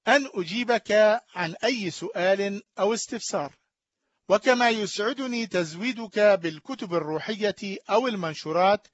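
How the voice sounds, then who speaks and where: Man, high voice, radio sermon, earnest and measured, dry muffled sound. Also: no room sound. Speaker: radio preacher.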